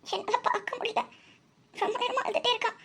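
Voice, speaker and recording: A woman's voice: very high-pitched, fairly even intonation, brisk, creaky, fairly bright tone, full character voice. A woman voicing a tearful, anxious young woman in a cartoon drama. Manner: tearful, worried.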